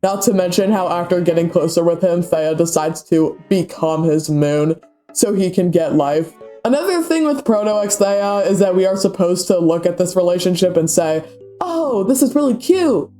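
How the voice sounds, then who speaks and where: A man's voice: sits high, normal speed, dark tone, soft background music. A man with a stuffy voice from a cold, reading a scripted commentary rant with dry, sarcastic asides. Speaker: YouTube commentator.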